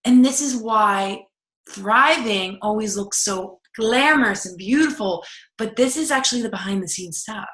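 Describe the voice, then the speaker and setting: A woman's voice: mid-range voice, normal speed, fairly bright tone. A woman coaching in a recorded video lesson, talking casually and acting out the self-talk she describes. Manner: conversational, repeats and acts out inner self-talk. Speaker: personal growth coach. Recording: echoey room.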